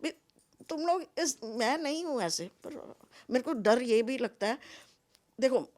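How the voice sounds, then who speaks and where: A contestant's mother, an older woman with a high, unhurried voice, chats expressively in an interview that mixes Hindi and English. She's a chatty storyteller who acts out the dialogue in her stories.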